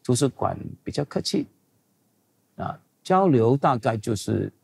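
Older male pastor for a Q&A session: husky, a bit raspy, talks in a loose and rambling way and leans on points for emphasis. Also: medium pitch, big pitch swings, unhurried, darkish tone. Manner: conversational, digressive, emphatic. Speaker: pastor and seminary teacher. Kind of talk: answering audience questions in a Q&A.

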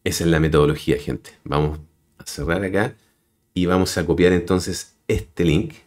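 Deep-voiced man walking through a tutorial. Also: gravelly, darkish tone. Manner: explains step by step, addresses viewers as "gente". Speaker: tutorial host. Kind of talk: screen-recorded web tutorial. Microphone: voice-over on a screen recording.

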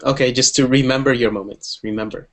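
A young man with a steady, mid-range voice talks fast as he teaches an English class online over a video call. He's upbeat and encouraging, says "cool" a lot, and is heard through an earphone mic.

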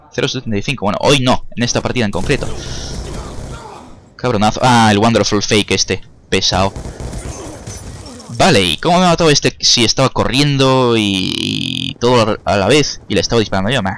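A man's voice: on the low side, moderate pace, a bit bright, slight background noise. A young man giving casual commentary over his own gameplay, chatty, cursing at opponents and talking to his viewers. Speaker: gaming YouTuber.

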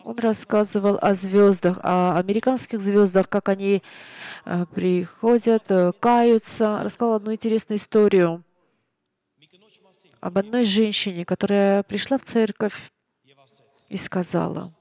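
A man preaching a sermon, telling stories in an earnest, halting way with frequent restarts. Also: high-pitched, steady tone, dark tone, dry recording. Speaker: pastor. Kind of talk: sermon storytelling.

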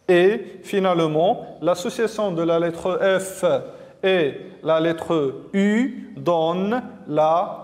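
A man teaching a reading lesson to young pupils, drilling syllables slowly and repeating each one. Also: high voice, darkish tone, long reverb tail. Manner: slow, syllable-by-syllable drilling with repetitions. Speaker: primary school teacher.

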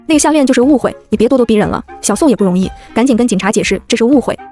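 A woman's voice: a little high, animated, racing, warm tone, faint music behind. A woman reading the lines of a middle-aged father who defensively scolds his daughter in a web-novel audiobook. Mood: scolding.

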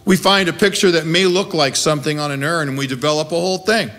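Talking fast in a slightly high, somewhat bright voice, a middle-aged or older American preacher delivers a conversational but emphatic sermon full of rhetorical questions. He stands at the pulpit of a small wood-walled church, speaking into a gooseneck mic.

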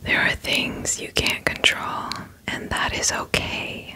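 A woman's voice: slow pace, bright, forceful tone. A woman whispering a soothing pep talk in the style of ASMR affirmations. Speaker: ASMR host.

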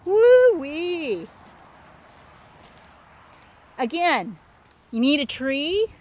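A woman hosting a casual walk-through vlog, talking in an excited, gushing, exclamatory way. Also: medium pitch, a little slow. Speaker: landscape designer hosting a plant tour. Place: outdoors at a plant nursery. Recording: outdoor ambient and vehicle noise.

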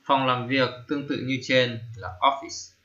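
A man gives a slow screen-recorded lesson, repeating each word and filling his pauses. His voice is bright and forward, and the lo-fi recording sounds a little dull and muffled. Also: medium pitch, steady tone. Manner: slow, repeats each term, many fillers. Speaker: English teacher.

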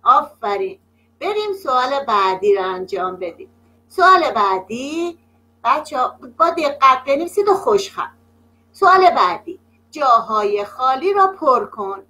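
High, bright-voiced woman teaching kids online. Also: sing-song, poor audio. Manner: slow, patient and praising, drawing words out. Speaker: primary school teacher. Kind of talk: online class. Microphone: video call.

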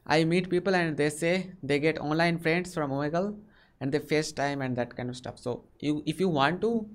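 In a small bedroom, a young Indian man hosts a casual video chat with strangers, speaking Indian English at normal speed in a slightly high voice. He's inquisitive and fires off lots of short questions.

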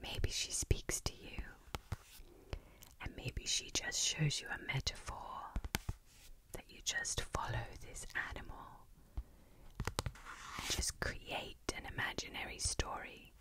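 A middle-aged woman whispering softly and breathily into a close microphone, giving a soothing, mystical fortune-teller style ASMR tarot reading with long pauses. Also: very high-pitched, wildly swooping pitch. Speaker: ASMR tarot reader and energy healer. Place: indoors, close in front of a hanging tapestry. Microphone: desktop condenser microphone, very close.

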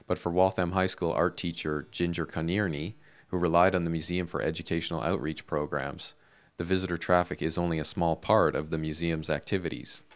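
A man reading a scripted local news report in a measured, even delivery. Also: low voice.

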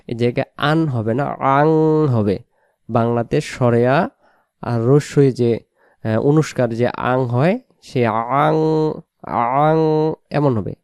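A man teaching Quran recitation, chanting verses in long drawn-out phrases and spelling out each letter before explaining the rules. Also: medium pitch, darkish tone, dry recording, clean studio sound. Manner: spells out letters slowly, then explains quickly. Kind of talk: word-by-word Quran recitation lesson.

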